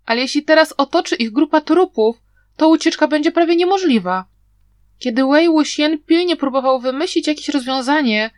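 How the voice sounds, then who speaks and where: A woman's voice: fairly high pitch, clear, resonant tone, no room sound, studio quality. Woman narrating an audiobook. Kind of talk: audiobook reading.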